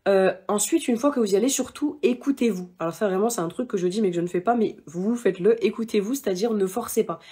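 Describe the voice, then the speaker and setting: Fast-talking husky young woman vlogger. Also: mid-range voice, warm tone. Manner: chatty, many fillers and restarts, addresses viewers directly. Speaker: vlogger giving running advice. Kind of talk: casual talk to camera.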